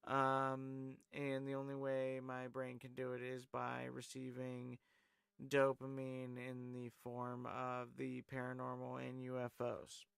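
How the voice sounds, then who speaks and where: With a completely flat, slow delivery, this host of a live call-in stream rambles casually, using lots of fillers and reading the chat aloud. His mid-range voice is creaky, a bit bright, clear and resonant. The studio-quality recording has no echo.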